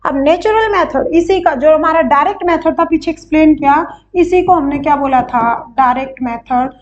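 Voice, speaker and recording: A woman teacher explaining an exam-prep lesson, asking questions and answering them herself, drawing out key words slowly. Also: high-pitched, lo-fi sound.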